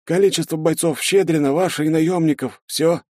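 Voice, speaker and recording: A terrified young sergeant, near tears, begs in a thin, high, strained voice, as a man acts him out. The pleading sound is dry and close with no room around it. It reads as an audiobook character voice. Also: steady tone, normal speed, darkish tone, no room sound, close to an everyday voice. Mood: frightened pleading.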